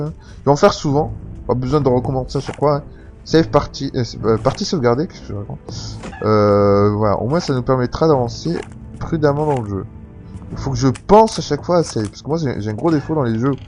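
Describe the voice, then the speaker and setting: A man narrating his video game play in a loose, chatty commentary, often laughing and swearing. His pitch swings widely, and quiet music sits faintly under his voice. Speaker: gamer.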